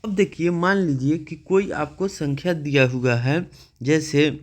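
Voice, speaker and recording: A man's voice: on the high side, measured pace. A man teaching a math lesson, patiently asking questions and checking in with "okay" often.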